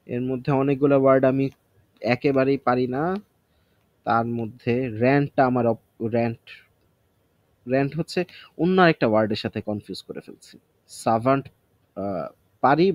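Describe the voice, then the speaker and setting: A vocabulary teacher, a man with a mid-range voice, runs a casual study session, explaining words aloud and testing himself on each one as he thinks it through. His Bengali explanations are sprinkled with English words. The recording is dry and the audio dull.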